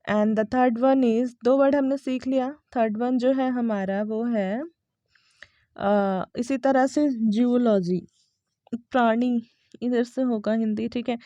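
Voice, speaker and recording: A young woman teaching English pronunciation in a casual spoken lesson, switching between Hindi and English and repeating each word slowly several times. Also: on the high side, mellow, no echo.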